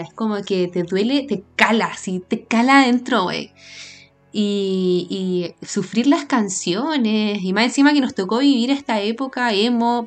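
A young Chilean woman with a Chilean accent, telling her own stories in a casual, animated, self-mocking way with lots of slang. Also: medium pitch. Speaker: podcast host. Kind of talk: casual storytelling monologue.

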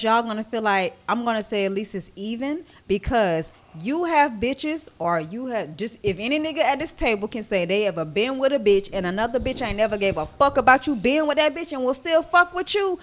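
Lively, insistent woman co-host. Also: a little high, fairly quick. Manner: emphatic and insistent. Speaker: podcast co-host. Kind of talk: casual chat.

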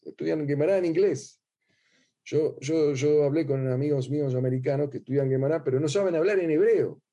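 A middle-aged rabbi with an Argentine Spanish accent delivers a religious lecture in a sing-song, teacherly way. His pitch sits on the high side, yet his voice is very dark and somewhat husky. He often repeats a word or two while he searches for the next phrase.

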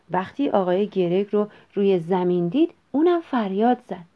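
A woman reading a children's story aloud in an expressive, measured way. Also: a little high, gravelly. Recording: dull lo-fi recording.

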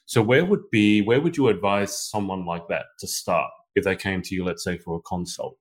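Deep-voiced man hosting a podcast. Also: normal speed, husky. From Australia. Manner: chatty, thinks aloud, frequent restarts. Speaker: podcast host. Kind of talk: conversational interview.

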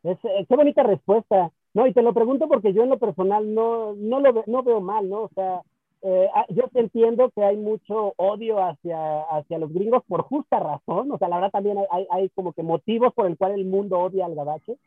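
A man hosting an interview, asking thoughtful, measured questions. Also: high-pitched, no room sound. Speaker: host. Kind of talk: interview conversation. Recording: tinny phone-like sound, dry.

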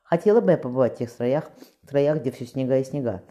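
A woman's voice: a bass voice, lively intonation, brisk, mellow. A man voicing a curious little girl. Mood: wistful.

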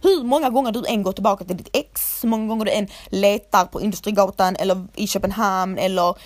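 A woman, giving casual, blunt advice straight to the listener, calling her "gumman" and swearing freely. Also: mid-range voice. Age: 20s. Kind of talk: casual advice talk to camera.

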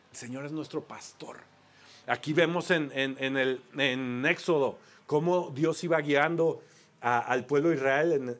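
Mexican male pastor, mid-pitched, lively storytelling sermon with repeats. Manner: animated storyteller, repeats words.

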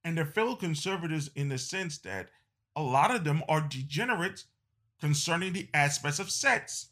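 A man's voice: on the high side, lively intonation, moderate pace, sharp tone. A man delivering a political opinion monologue, emphatic, repeating phrases and restarting sentences. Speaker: political commentator.

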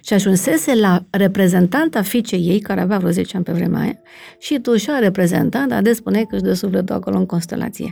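Middle-aged woman guest, gravelly and mellow, chatty explainer who keeps checking that the listener follows. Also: medium pitch. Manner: explains with many fillers and checking questions like "da?". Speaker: family constellations facilitator, guest. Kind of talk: conversational explanation in an interview.

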